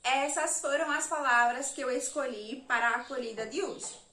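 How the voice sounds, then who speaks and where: A woman's voice: sits high, moderate pace, bright, forceful tone, slight background noise. A Brazilian woman teaching young children in a remote lesson, patiently counting letters and syllables aloud. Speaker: primary school teacher. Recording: echoey room, mic at a distance.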